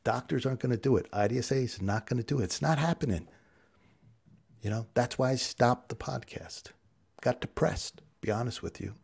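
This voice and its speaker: A man's voice: mid-range voice, fairly quick, vocal fry, a little mellow, husky. A man hosting a podcast, talking solo in a fired-up, preachy way that rallies listeners to say lines back with him. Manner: preachy call-and-response rallying. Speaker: podcast host.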